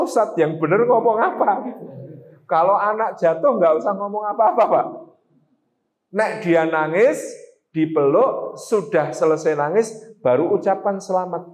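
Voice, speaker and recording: High-voiced preacher, lively. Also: male voice. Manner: lively, acts out quotes, asks the audience questions. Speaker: Islamic preacher. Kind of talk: parenting lecture. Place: large mosque hall. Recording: echoey mosque hall.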